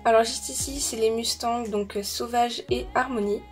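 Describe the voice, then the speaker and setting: A woman's voice: on the high side, fairly even intonation, normal speed, soft background music. A woman vlogger in an indoor room, chatting casually as she lists her collection, with frequent hesitations. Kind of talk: casual show-and-tell. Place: indoor room shared with siblings.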